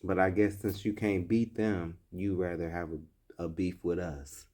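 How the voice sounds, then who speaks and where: A man delivering blunt, emphatic vlog commentary in an unhurried, deliberate way. His voice sits somewhat low. He reads old scripture passages and then explains them in plain, direct talk. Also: fairly even intonation, darkish tone. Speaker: vlogger giving commentary.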